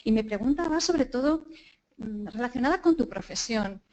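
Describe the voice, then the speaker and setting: A woman's voice: on the high side, expressive, normal speed, poor audio. A woman with a Spanish accent from Spain, asking a thoughtful question from the audience after a talk.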